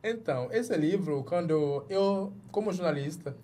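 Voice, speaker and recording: His intonation is lively and his pace a little slow, with a fairly high, mellow voice and slight background noise. The speaker is a Jamaican man in his thirties, Jamaican-accented, a journalist guest in a small padded studio for a casual interview, often restarting words while he looks for them in Portuguese.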